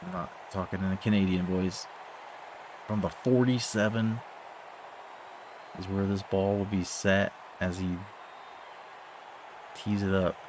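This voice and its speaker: A man's voice: deep voice, steady tone, a little slow, pauses often, background noise. A man casually commenting while playing a football video game, rambling and swearing between mock play-by-play calls. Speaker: gaming streamer.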